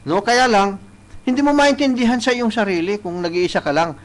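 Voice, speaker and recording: A male preacher delivering a live church sermon. He mixes Tagalog and English, often checks in with "no?", and reads scripture slowly and deliberately. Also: high voice, rough recording. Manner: switches between Tagalog and English, tagging points with "no?". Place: church service, streamed live.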